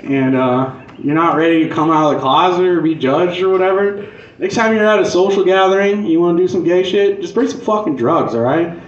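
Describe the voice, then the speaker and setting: A man's voice: sits high, fairly quick. Male stand-up comic, profane casual monologue, conversational and punchy, muffled sound, a little off the mic. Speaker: stand-up comedian. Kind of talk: stand-up comedy monologue, crude casual rant. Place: live comedy venue on stage. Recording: echoey club room, distant dull mic.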